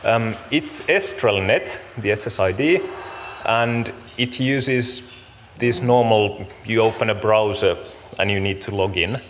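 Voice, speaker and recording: A man with a fairly low, fairly bright voice speaks a little slowly while opening a summit as its organiser and host. He gives casual, practical announcements to an audience in a large conference room, apologetic and somewhat hesitant in manner. Echo from the hall and clear background noise are present.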